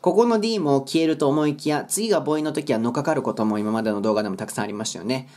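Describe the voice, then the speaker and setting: A young man with a Kansai accent giving a chatty, brisk English pronunciation lesson at home, reading lyric lines slowly and clearly. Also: mid-range voice, a little mellow. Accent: Kansai Japanese.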